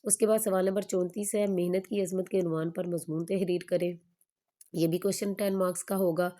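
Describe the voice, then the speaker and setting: A woman teacher going through an exam paper question by question, stating each answer in a steady, explanatory way. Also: on the low side.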